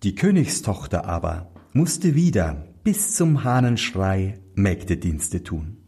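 A man reading a fairy tale aloud, slow and very expressive. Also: low-pitched, creaky, slightly rough. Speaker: storyteller.

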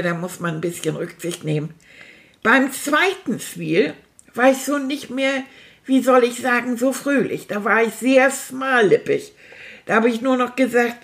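In a comic monologue, a woman voices a sulky, childlike male character, chatting theatrically and adding sound effects. Her pitch is fairly high.

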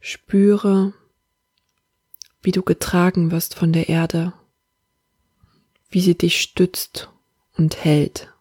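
A woman leading a guided meditation in a soft, half-whispered, calm and soothing manner. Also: on the low side, slow pace, long pauses, husky, no room sound, clean studio sound.

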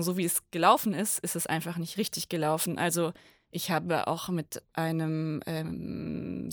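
Low-voiced German woman, dry studio. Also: no room sound. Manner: thoughtful, often restarts phrases. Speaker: political reporter. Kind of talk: podcast conversation.

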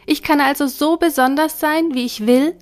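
An eager, cheeky little soul, put on by a woman storyteller, pitched high and excited as if every question matters. Soft music drifts faintly behind the reading. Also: moderate pace, close to an everyday voice. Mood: joyful. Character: small curious childlike soul, eager and cheeky.

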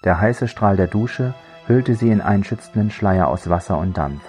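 A man narrating a crime thriller audiobook in a measured, dry storytelling voice. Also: low voice, expressive, darkish tone, faint music behind.

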